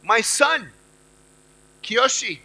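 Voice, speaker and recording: Middle-aged guy giving a pep talk at a uni event, repeats his points for punch, very high voice, live recording with a low hum. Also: lively intonation, very slow, vocal fry, bright, forceful tone, poor audio. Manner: emphatic, repeats key phrases, acts out quoted dialogue. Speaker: motivational speaker. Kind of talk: motivational speech to a student audience. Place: university event hall.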